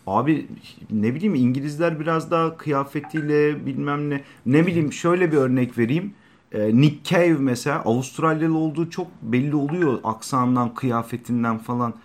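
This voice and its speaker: A man's voice: fairly high pitch, animated, a little fast. A middle-aged man in casual chat, chatty and curious, firing off questions. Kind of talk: casual chat about music and fashion.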